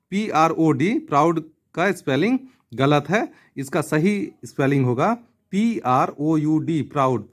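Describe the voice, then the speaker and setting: A man, teaching a children's English lesson, spelling words out letter by letter and reading English sentences slowly before explaining them. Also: on the high side.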